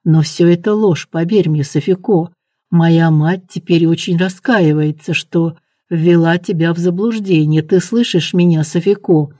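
A reader voicing a passionate young prince who speaks quietly in a low chest baritone. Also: unhurried, dry recording, studio quality, lightly acted. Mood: pleading.

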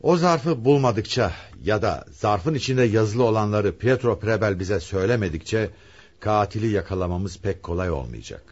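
An actor playing a police commissioner in a radio drama, calm and authoritative. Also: male voice, fairly low pitch, normal speed, slightly rough. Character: shrewd middle-aged male police commissioner. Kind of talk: 1960s Turkish radio drama acting. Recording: dull lo-fi archive radio recording.

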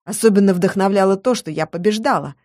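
A woman reads a first-person audiobook in a lively, expressive manner, with a mid-range voice. The recording is dry and close, with no room sound at all. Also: medium pitch, fast, no echo. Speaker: audiobook narrator.

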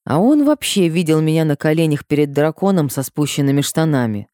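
Woman audiobook narrator, expressive first-person reading, lively pitch, mellow tone, dry close mic. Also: a little fast, dry recording.

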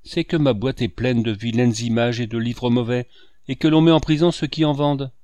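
A man's voice: medium pitch, steady tone, moderate pace, darkish tone, no room sound, dull audio, close to an everyday voice. A man voicing a frightened sixteen-year-old peddler boy, timid and pleading. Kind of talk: audiobook character reading.

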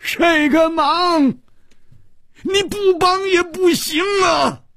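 A male storyteller voicing a desperate, furious young man who shouts in a hoarse, strained voice. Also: very high-pitched, huge pitch swings, normal speed, no room sound, pitched above the performer's own voice, heavily acted. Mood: anguished shouting. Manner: screaming hoarsely. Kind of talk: Chinese storytelling broadcast.

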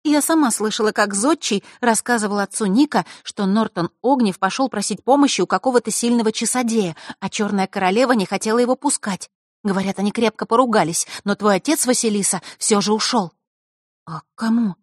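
A woman voicing a cheerful, chatty young fairy girl in a high, bright voice in an audiobook. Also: fairly quick, dry recording, studio quality, close to an everyday voice. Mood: confiding. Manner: eager, bubbly, pushy. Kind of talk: audiobook character voice.

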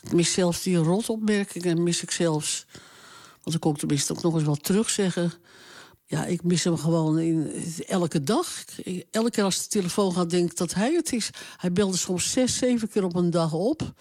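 Older woman chatting in an interview, lots of ums, plain and unhurried. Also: lowish voice, a little mellow. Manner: hesitant, many fillers, plain-spoken. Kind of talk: casual reminiscing conversation.

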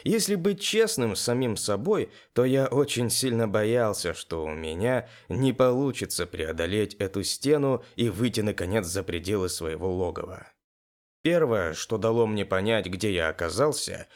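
A man narrating a first-person game-fiction audiobook in an expressive storytelling manner. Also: lowish voice, unhurried.

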